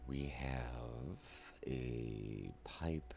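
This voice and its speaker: A man's voice: rumbling low, drawn-out words, creaky, a little mellow, faint music behind. A man giving casual, chatty commentary while streaming a flight simulator, narrating each step aloud with self-mocking asides.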